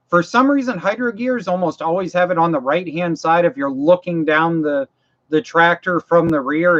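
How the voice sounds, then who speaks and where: A fairly high-pitched, slightly bright man's voice, heard over dull lo-fi stream audio. He's a folksy Maine livestream host chatting casually and rambling through viewers' mower-repair questions, practical in his guidance but repetitive, restarting phrases, his voice wearing out.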